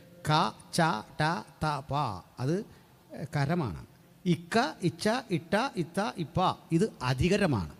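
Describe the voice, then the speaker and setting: Animated preacher man. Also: a little high. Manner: animated, conversational, asks listeners if they follow; sudden loud emphatic bursts. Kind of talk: Pentecostal sermon.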